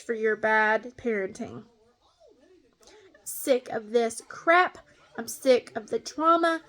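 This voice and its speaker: A woman with a noticeably high voice vents in a casual vlog monologue. She talks bluntly and angrily, ranting at length as a fed-up stepmom. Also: fairly bright tone. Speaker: stepmom vlogger.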